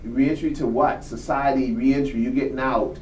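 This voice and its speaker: A man's voice: medium pitch, steady tone, moderate pace, darkish tone, roomy sound, recorded from a distance, a little hiss or hum, rough recording. A man in his fifties, a reverend, interviewing a younger guest in a probing way and repeating his questions. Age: 50s. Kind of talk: conversational interview.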